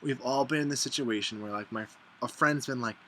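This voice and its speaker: A man talking casually and warmly to camera about his best friend, filling his talk with "like" and playing out what friends say. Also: a little fast. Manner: chatty, lots of "like", mimics friends in higher voices. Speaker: vlogger. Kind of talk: casual heartfelt vlog.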